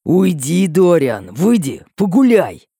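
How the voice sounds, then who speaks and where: A haughty ancient male dragon, as a woman reader puts him on, who murmurs low and seductive and flares into angry shouts. The sound is dry and close in this audiobook reading. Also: big pitch swings, moderate pace, no room sound. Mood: angry shouting. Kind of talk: audiobook character voice.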